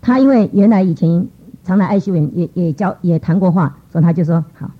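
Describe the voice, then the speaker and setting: A middle-aged woman telling a lively church testimony, acting out what people said in changing voices. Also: brisk, breathy edge. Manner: lively, acts out quoted voices with pitch jumps. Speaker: church speaker giving testimony. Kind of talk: storytelling testimony talk. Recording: dull lo-fi recording.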